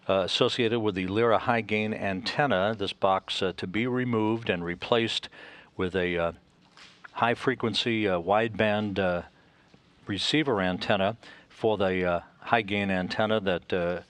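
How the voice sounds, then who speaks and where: An American man giving live technical commentary from mission control, in a measured, halting delivery full of uhs. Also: fairly low pitch, a bit bright.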